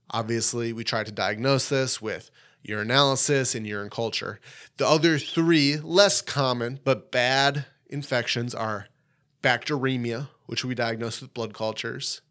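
A man with a mid-pitched voice presents an educational medical podcast. He teaches informally but deliberately, stressing key points in short, repeated phrases. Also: fairly bright tone.

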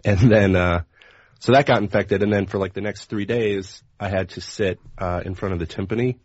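Deep bassy american guy, podcast chat, kinda dull dry recording, laid back. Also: fairly even intonation, normal speed, a little mellow, no room sound. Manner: laid-back, low-volume talking. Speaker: podcast guest, baseball writer.

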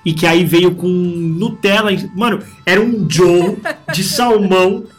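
A man, chatting casually as a podcast co-host and telling animated, slangy jokes. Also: high-pitched, measured pace, soft background music. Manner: animated joking storyteller, heavy slang. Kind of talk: casual chat.

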